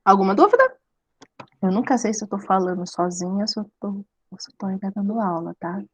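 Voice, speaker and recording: A woman's voice: medium pitch, expressive, a little fast, husky, dull audio. A woman teaching a live online drawing class, chatty and playful, laughing at her own slips. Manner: chatty, laughing, self-deprecating asides.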